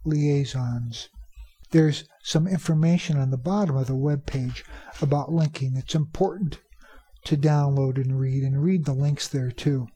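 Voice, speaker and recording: Husky, mellow-voiced pronunciation teacher. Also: medium pitch, fairly even intonation. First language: English. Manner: repeats key phrases for emphasis; slows down to demonstrate pronunciation. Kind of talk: instructional talk.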